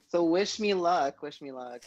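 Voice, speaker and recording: A man talks casually over a choppy internet call that keeps cutting in and out, his voice thin and dull through the app. He rambles a little and fills pauses with "um" and "like". The sound is lo-fi, as if heard through a laptop. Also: sits high, no room sound. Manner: rambling, self-conscious, with many fillers. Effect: choppy internet call connection that cuts in and out. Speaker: guest poet calling in. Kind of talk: casual chat. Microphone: app on a phone or computer.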